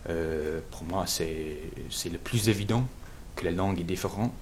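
Un homme venu d'Angleterre, de langue maternelle anglaise, qui répond en interview d'un ton hésitant en cherchant ses mots. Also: male voice, sits low, slight background noise. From England. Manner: halting, searching for words. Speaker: guest. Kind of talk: interview answers.

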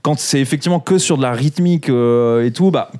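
A man talks quickly and casually on a music podcast. He rambles through slang, fillers and restarts. His voice sits at an ordinary middle pitch for a man. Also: darkish tone. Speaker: podcast co-host. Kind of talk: casual chat about punk and hardcore records.

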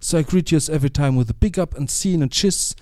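Male radio host, native German speaker with a German accent, mellow and relaxed tone, casual delivery, close dry sound. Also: a little high, fast, dry recording.

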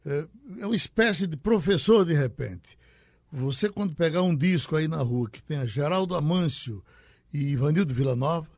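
Husky-voiced man telling stories. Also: a little high, no echo. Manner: relaxed, recites verse aloud. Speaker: radio host telling stories. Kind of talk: casual storytelling chat.

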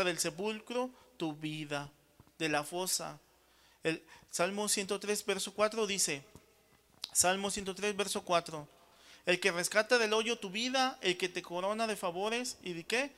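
A man's voice: high-pitched, sharp tone. A man preaching a sermon, often calling the congregation brothers and checking in with them after each point. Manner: addresses listeners as brothers.

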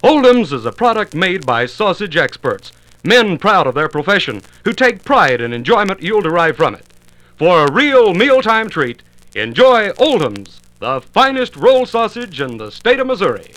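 A man's voice: high-pitched, big pitch swings, moderate pace, a bit bright, rough recording. A man announcing a 1950s radio commercial with an enthusiastic salesman delivery, on an old disc recording.

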